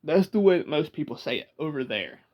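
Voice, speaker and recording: A man's voice: a little high, expressive, fast talker, dull audio. Chatty Georgia man with a Southern drawl. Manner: chatty, laughs often, rambling asides. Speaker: vlogger. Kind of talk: casual talk to camera. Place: small room indoors, sitting in a rocking chair. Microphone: camera in front of him.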